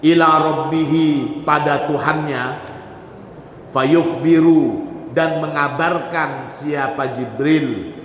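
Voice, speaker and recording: A man's voice: a little high, fairly even intonation, slow pace, a little hiss or hum. A man teaching a religious text to students, reading out Arabic phrases and explaining each one in turn. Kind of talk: kitab study sermon. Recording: echoey hall with long reverb.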